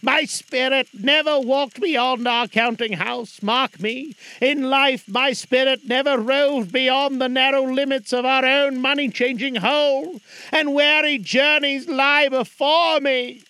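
A man voicing the mournful, chained ghost of a dead old businessman, speaking in a solemn, slow lament. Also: very high-pitched, fairly even intonation, sharp tone, clean tone, voice pushed up, exaggerated voice.

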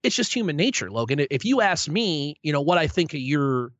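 A young sports play-by-play broadcaster responds to interview questions, good-humored and poking fun at himself while restarting frequently. His slightly high voice is sing-song and fairly quick. The recording has a dull lo-fi quality and no echo.

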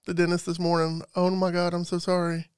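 A man's voice: high voice, completely flat delivery, brisk, clean tone, no room sound, studio quality. A man co-hosting a podcast in casual banter, talking with a swollen mouth. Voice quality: swollen mouth from dental trouble. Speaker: podcast co-host.

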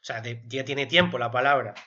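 Co-hosting a casual podcast, a man explains things at length in a bright, forceful voice of medium pitch, talking fairly quickly. He thinks out loud with fillers and keeps checking in using little tag questions. The recording sounds dull and lo-fi.

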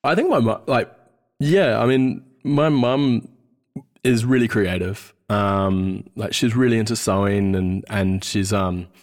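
In a casual interview on a podcast, a New Zealand-born Australian man in his thirties talks in a voice that sits on the low side. He's unhurried, hesitant, and tends to search for what to say.

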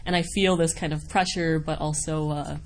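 Speaking low and steady at a moderate pace, an American woman from Wisconsin chats through casual interview answers about her voice acting. Her talk rambles, full of giggles and self-deprecation, and the recording carries noticeable background noise.

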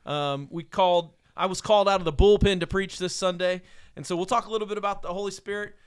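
A middle-aged pastor hosting a relaxed church chat, joking and rambling with lots of fillers. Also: male voice, high voice, quick pace, smooth. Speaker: pastor and podcast host. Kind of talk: casual chat.

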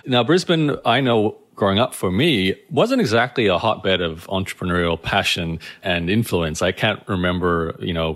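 A very deep-voiced man hosting an interview show, with a Canadian-tinged accent although he is from Australia. He asks friendly, rambling questions in a relaxed, casual tone. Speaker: podcast host.

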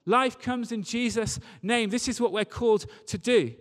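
Preaching a church sermon, this man has a very high-pitched, slightly bright voice at normal speed. He is earnest and emphatic, repeating key phrases, and a long reverb fills the large church or hall.

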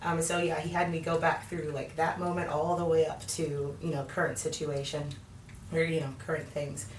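A candid woman in her thirties tells her faith story in an interview, rambling through fillers with a lowish voice. She sounds a bit far from the mic in an echoey room, with faint ambient noise. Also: flat delivery, moderate pace. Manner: candid, many fillers, laughs often. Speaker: guest.

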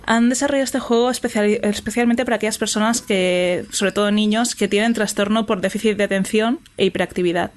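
A woman's voice: medium pitch, a little fast, few pauses, a little hiss or hum. Hesitant woman podcast co-host. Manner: hesitant, many fillers and restarts. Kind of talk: casual podcast discussion.

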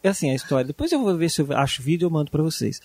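A Brazilian man with a slightly raised pitch talks through matters of faith in an earnest, reflective way. He draws his words out and leans on fillers. The sound is close and dry. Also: big pitch swings, racing, darkish tone, husky, dry recording. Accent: Brazilian Portuguese. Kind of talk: casual faith discussion.

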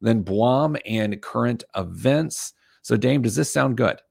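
Guy podcast host losing his voice, super gravelly and husky, jokey casual banter. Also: mid-range voice, slow, no echo, studio quality. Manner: jokey, self-deprecating.

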